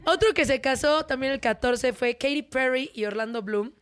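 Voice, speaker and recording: A young Mexican woman hosts a playful showbiz chat in a bright, high voice. She teases her crew and jokes freely, slipping English words into her lines with animated, lively delivery. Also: normal speed, clear, resonant tone. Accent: Mexican Spanish. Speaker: entertainment show host.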